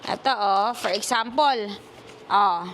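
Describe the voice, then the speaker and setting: A Filipino mother leads a reading lesson at home. She talks in an unhurried, patient way and keeps checking that her child follows, mixing English into her Filipino. A faint background hiss sits beneath her voice. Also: medium pitch, fairly bright tone. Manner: patient, mixes English into Filipino, prompting questions.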